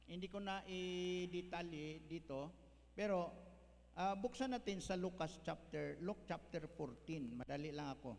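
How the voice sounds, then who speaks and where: A man's voice: high voice, measured pace, vocal fry. A male pastor, preaching a folksy sermon that mixes in English words. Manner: folksy, mixes English, tags lines with "ano?". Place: church hall. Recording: echoey church hall, faint hum.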